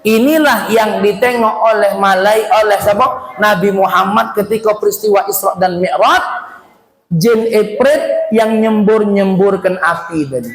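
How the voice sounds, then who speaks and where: A male preacher giving a lively sermon to a congregation, with a South Sumatran Malay accent, animated and acting out voices. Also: sits high, measured pace, a little hiss or hum. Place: hall with audience. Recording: echoey hall.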